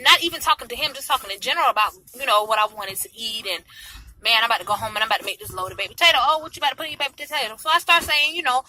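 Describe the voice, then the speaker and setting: A woman tells a story casually from her car, with a very bright, forceful voice that moves quickly. A tongue piercing gives her a slight lisp. Her delivery is sassy, animated and full of slang. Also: fairly high pitch. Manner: slangy, sassy, mimics others' remarks. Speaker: vlogger telling a personal story. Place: inside a car in traffic. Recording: noisy car interior in traffic.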